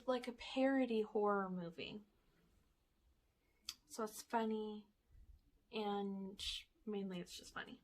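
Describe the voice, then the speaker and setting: A little hiss or hum runs beneath this woman's mid-range voice. Sitting in one place indoors at home, she casually walks viewers through her shopping haul, full of fillers and a touch out of breath, reading out the blurbs from the backs of DVD cases.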